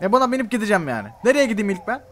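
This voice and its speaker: Excitable, fast-talking young man. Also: high-pitched, a little hiss or hum. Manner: excitable, exasperated, exclaiming. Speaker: gamer role-playing in a game. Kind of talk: comedic game role-play commentary.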